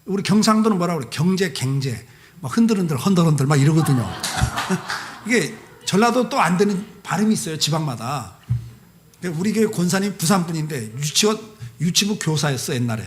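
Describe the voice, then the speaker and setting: Male preacher, fairly high voice with a very lively melody, storytelling sermon with acted-out dialogue and jokes. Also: brisk, slight background noise. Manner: lively storytelling, acting out dialogue with humorous asides. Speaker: guest pastor. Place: church service.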